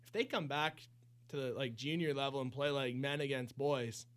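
A man co-hosting a casual hockey talk show, speaking in an ordinary mid-range voice. He gives his opinions plainly and at an easy, relaxed pace. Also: mid-range voice, normal speed. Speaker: podcast co-host.

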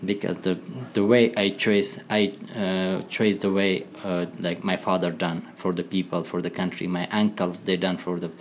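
A man with an Afghan accent, a former commando speaking as a podcast guest in halting English full of pauses and restarts. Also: low voice, flat delivery, slight background noise. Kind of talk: conversational interview.

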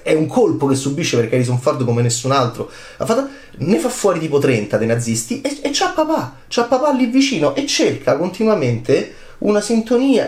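Impassioned man in his forties, roomy echo. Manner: animated, rhetorical questions, pitch leaps up when excited. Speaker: film critic. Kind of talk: passionate film commentary monologue.

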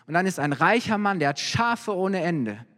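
A man voicing the prophet Nathan, a grave older man quietly telling a parable, heard in a reverberant hall. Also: sits high, sing-song, normal speed, pitched above the performer's own voice. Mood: grave, hushed.

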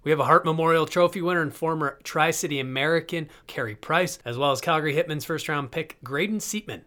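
A man's voice: a little high, fast. A man hosting a podcast with scripted, announcer-like delivery. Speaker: podcast host. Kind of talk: scripted news narration and interview hosting. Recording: loud music bed under voice.

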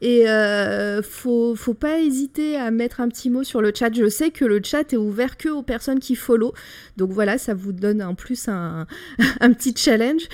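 A woman's voice: a little high, moderate pace, darkish tone. Give me a woman hosting casual live chat. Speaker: host of an online radio show.

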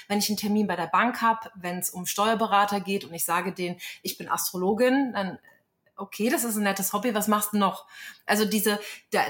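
A woman from Germany, an astrologer and tarot reader, a guest in an interview, telling stories in an animated way with frequent fillers. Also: medium pitch. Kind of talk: casual interview conversation.

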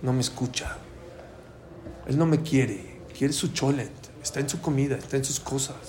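Animated man teaching a class. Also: mid-range voice, moderate pace. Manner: animated, asks the audience questions. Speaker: Torah teacher. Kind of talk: Talmud class for a live audience. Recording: roomy room with faint ambience.

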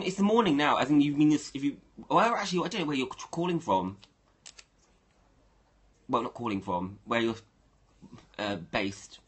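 A man's voice: medium pitch, breathy edge. A man hosting a casual livestream, rambling and thinking aloud as he talks to his viewers. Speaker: livestream host.

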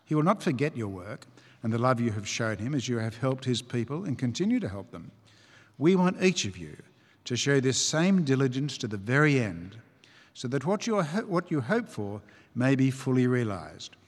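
Male reader, mid-pitched, measured scripture reading with expressive quotes, echoing church sound. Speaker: Bible reader. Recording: long reverb of a church.

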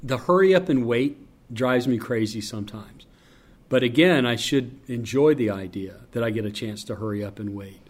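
A man with a deep voice, a public address announcer from North Carolina, telling stories in an interview. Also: normal speed. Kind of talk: interview conversation.

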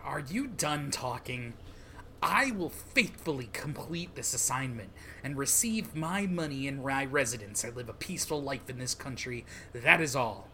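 A man's voice: medium pitch, expressive, bright, forceful tone, a little hiss or hum. A man reading as a grim, stoic soldier. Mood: cold. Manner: stiff, solemn, measured delivery. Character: grim, stoic adult male soldier-assassin. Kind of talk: manga read-along voice acting.

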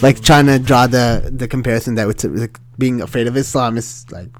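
A young Sri Lankan man tells a story in casual conversation at a brisk pace and medium pitch. He's animated and rambling, full of fillers and restarts.

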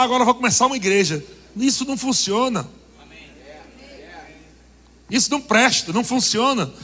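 A man's voice: very high voice, sharp tone. A man preaching a sermon, joking and laughing with the congregation. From Brazil. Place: church hall. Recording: long reverb of a church hall.

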